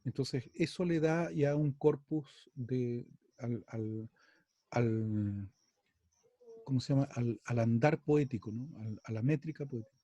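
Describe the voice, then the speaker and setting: A man from Chile teaching an online class on poetic meter, talking slowly with many restarts and repeated words. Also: medium pitch, mellow, dry recording, muffled recording. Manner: slow and halting, repeats words, spoken examples. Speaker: music teacher.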